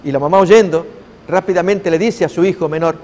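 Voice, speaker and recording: A high-voiced man preaching a sermon, telling the story with animated, acted-out voices. His voice rings with a long reverb, as in a large hall. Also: fairly quick. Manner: animated storytelling, acting out the characters' lines.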